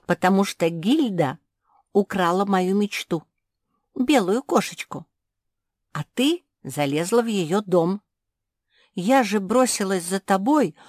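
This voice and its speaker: A woman voicing an indignant young female pug dog in a children's audiobook, speaking in a huffy, sharp way. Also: medium pitch, no room sound, studio quality.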